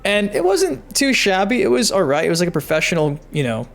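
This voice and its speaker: High-pitched and gravelly, a man's very animated, brisk voice drives his YouTube gaming news commentary. He reads articles aloud with energy, chatting emphatically and directly to viewers.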